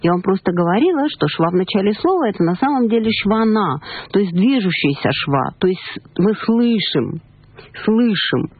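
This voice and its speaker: A woman teaching a language lesson on the radio, patiently explaining and slowly repeating words. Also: mid-range voice, very animated, breathy edge, no room sound. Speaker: Hebrew teacher. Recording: tinny phone-like radio broadcast.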